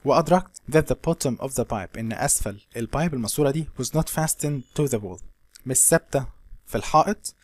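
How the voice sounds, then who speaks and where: A man with an Egyptian accent reads an English novel aloud slowly and explains each line in quick Arabic. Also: mid-range voice, no echo. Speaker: English teacher.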